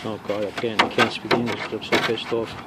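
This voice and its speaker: A man's voice: lowish voice, level tone. A man reviewing his remote-control truck outdoors on a city street, ranting angrily with lots of swearing and stumbling restarts. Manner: angry, profane ranting with halting restarts. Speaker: RC car hobbyist reviewer. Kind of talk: casual outdoor review vlog. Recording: noisy outdoor street recording.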